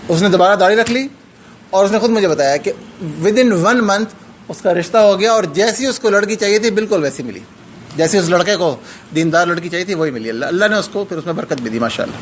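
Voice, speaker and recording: This earnest Islamic lecturer from South Asia has a high, expressive voice, and a faint hiss or hum sits under the recording. He weaves rhetorical questions and personal stories into his talk to the audience, frequently restarting and inserting pious interjections.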